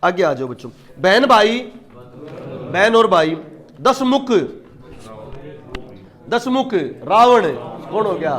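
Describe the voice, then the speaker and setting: Male tutor, high-pitched, emphatic lecture style with rhetorical questions. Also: lively intonation, slow, pauses often, fairly bright tone. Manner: emphatic, asks questions and answers them himself. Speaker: teacher. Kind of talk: exam-prep lecture.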